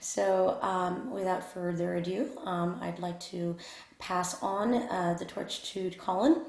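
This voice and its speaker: A woman's voice: on the low side, fairly even intonation, slow, gravelly, a little mellow. Woman hosting a webinar, roomy sound. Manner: polite, formal, with frequent fillers. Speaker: webinar host. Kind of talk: webinar introduction.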